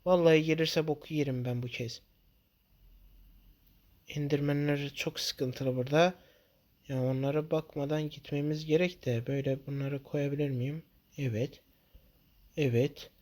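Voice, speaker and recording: Excitable man narrating gameplay, fairly high voice. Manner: jittery and quick to swear in sudden loud outbursts; talks straight to viewers as "guys". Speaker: gaming channel host. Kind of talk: casual gameplay commentary.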